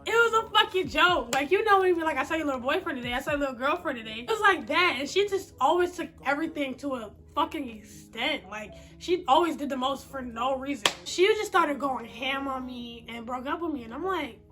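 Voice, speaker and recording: A young woman tells a story straight to camera in a casual vlog, speaking bluntly and animatedly in heavy slang and swearing freely. Her voice is high and bright, her pace moderate with hardly any pauses, and faint music plays behind her.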